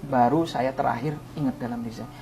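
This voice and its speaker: A man speaking as a religious teacher tells a personal story with fervent emotion. His voice moves between hushed murmurs and louder, pleading stretches. Faint music sits low behind him. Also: steady tone, quick pace. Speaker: religious teacher recounting a near-death experience.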